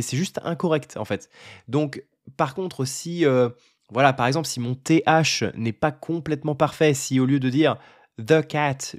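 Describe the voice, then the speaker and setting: A young French man giving a casual talk to camera about learning languages, often pausing on fillers and restarting his sentences. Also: medium pitch, no room sound, clean studio sound. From France. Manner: hesitant, many fillers and restarts.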